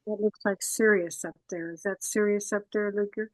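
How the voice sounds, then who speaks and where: A woman speaks in a flat, even tone that stays admiring throughout. Her voice comes over a video call and sounds close and dry. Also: mid-range voice, normal speed, dry recording. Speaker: group participant. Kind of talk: casual group sharing.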